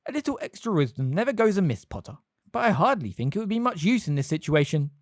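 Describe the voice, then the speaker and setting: A reader voicing a tiny elderly male wizard professor with a squeaky, fussy voice. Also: very animated, fast talker, no echo, studio quality. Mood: flustered.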